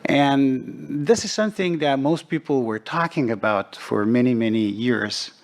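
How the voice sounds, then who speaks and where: A middle-aged man from Serbia speaking as a forum panelist, measured and deliberate, with frequent pauses. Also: mid-range voice. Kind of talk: panel discussion remarks.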